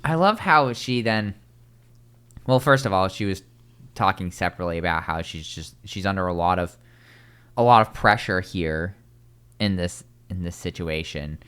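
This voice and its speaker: A man hosting a casual podcast, rambling with quick asides and restarts. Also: low voice, lively intonation, a bit bright, smooth. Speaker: podcast host.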